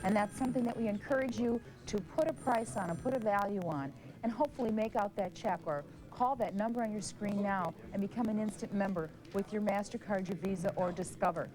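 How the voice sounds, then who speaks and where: Woman, mid-pitched, telethon host, persuasive, earnest, repetitive appeals, background music. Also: a little fast, hardly any pauses, poor audio. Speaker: pledge drive host. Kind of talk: public television pledge appeal, ad-libbed.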